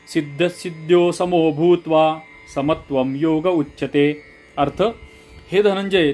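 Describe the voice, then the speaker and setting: A man reciting scripture verses slowly and then explaining their meaning in plain talk, often repeating lines and correcting himself mid-word. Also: high voice. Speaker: Gita reader and explainer.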